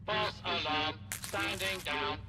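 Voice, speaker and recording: A man's voice: high-pitched, slow, bright, forceful tone, slight background noise, full character voice. An actor playing a stern male security robot in a video game, giving clipped, commanding, formal announcements.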